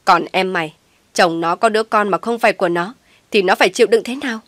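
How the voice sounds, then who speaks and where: A woman voicing an enraged middle-aged mother who shouts and scolds harshly, in a dry, close recording. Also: on the low side, fairly quick, no room sound, natural voice. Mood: stern scolding.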